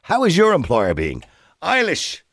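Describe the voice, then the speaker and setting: A man's voice: a little high, wildly swooping pitch, unhurried, fairly bright tone, breathy edge, no room sound, clean studio sound. A man with an Irish accent presenting a radio phone-in conversationally, putting questions and repeating phrases for emphasis. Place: radio studio. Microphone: close studio microphone.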